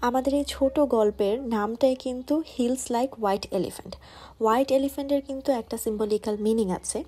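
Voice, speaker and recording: A woman's voice: a little high, fast, dark tone. A woman explaining a short story to viewers in a lesson, mixing English words into her talk and speaking to them directly. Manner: mixes English words into Bangla. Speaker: literature teacher.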